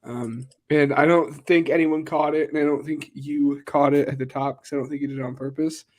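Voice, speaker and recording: A man's voice: fairly high pitch, steady tone, a little fast. A young man co-hosting a casual podcast, talking loosely with lots of "like" and "uh" and cracking jokes. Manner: loose, filler-heavy, joking. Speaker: podcast co-host. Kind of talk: casual chat.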